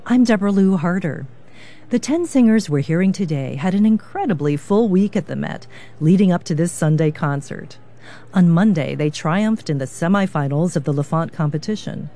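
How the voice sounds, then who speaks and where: A woman hosting a radio broadcast, reading a polished, measured script. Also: lowish voice, expressive, mellow. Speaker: radio host.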